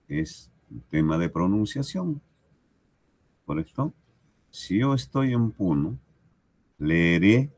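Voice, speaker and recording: A Peruvian man teaches a language lesson in a very low, husky voice, with a lively rise and fall. He speaks slowly and deliberately, repeating each example and checking that his listeners follow. The sound is close and dry. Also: no room sound. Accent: Peruvian Spanish. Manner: slow, deliberate, repeats examples and asks "¿correcto?". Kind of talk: recorded lesson.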